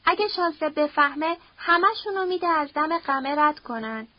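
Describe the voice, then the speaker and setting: A woman voicing a coarse, greedy middle-aged man, once a neighborhood strongman, who talks in gruff street slang. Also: high voice, expressive, no room sound. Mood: wary. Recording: dull dry audiobook recording.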